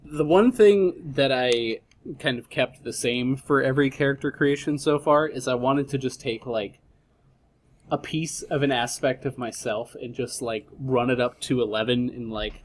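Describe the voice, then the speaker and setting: A man's voice: medium pitch, moderate pace. A man chatting casually as a guest, explaining things in a laid-back, slangy, rambling way. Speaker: podcast guest, tabletop role-player. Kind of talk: casual chat.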